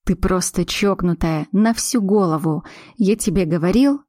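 A woman's voice: fairly low pitch, measured pace, mellow, dry recording, clean studio sound. A woman voicing an anxious, blunt young man whose fiancée is about to give birth. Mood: tender. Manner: fretful, blunt and insistent.

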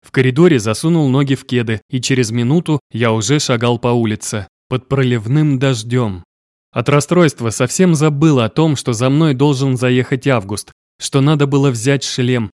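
Brief: male audiobook narrator, mid pitch, slow measured reading, dry close mic. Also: darkish tone, dry recording. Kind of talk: first-person audiobook narration.

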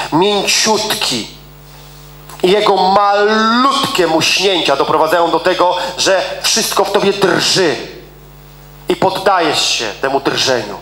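Middle-aged male preacher, emphatic, repeats key words; slightly higher voice, echoey church hall. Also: fairly bright tone, a little hiss or hum. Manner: emphatic, repeats words for stress, swings from fast to slow. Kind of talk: sermon.

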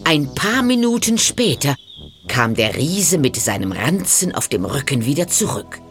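A woman narrating a fairy tale in a calm, expressive storytelling voice. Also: low voice, unhurried, faint music behind.

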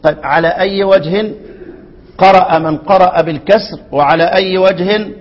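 A man with an Egyptian accent teaching a classical text, often pausing to ask his students to supply the next word. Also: high-pitched. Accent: Egyptian Arabic. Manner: keeps asking students to fill in words. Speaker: Quran recitation teacher. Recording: dull, reverberant hall recording.

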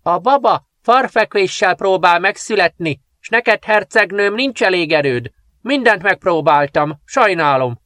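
Frightened old midwife put on by a man, high timid voice, dry recording. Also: lively intonation, pushed and bright, no echo. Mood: apologetic. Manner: timid, apologetic.

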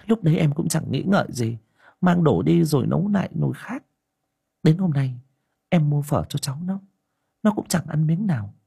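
A man voicing a worried younger village woman who talks in a hushed, confiding way. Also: a little high, animated, creaky, slightly rough, no room sound, studio quality, pitched above the performer's own voice, exaggerated voice. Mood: anxious. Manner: hushed, rushing whisper, anxious.

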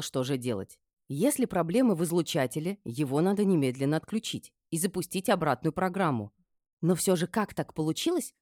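Low-voiced woman narrating a novel. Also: no room sound, clean studio sound. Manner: lively, expressive. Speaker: audiobook narrator. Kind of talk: first-person novel narration.

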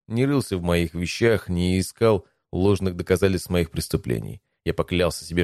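A man narrating a first-person audiobook in an even, measured reading. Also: low voice, no room sound, clean studio sound.

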